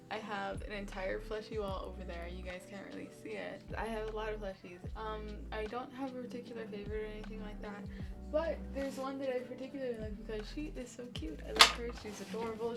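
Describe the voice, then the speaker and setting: A woman's voice: medium pitch, steady tone, brisk, vocal fry. A young woman from Los Angeles with a lisp from new braces, chatting in a rambling, gushing way as a game streamer answering questions in a casual vlog. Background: background music.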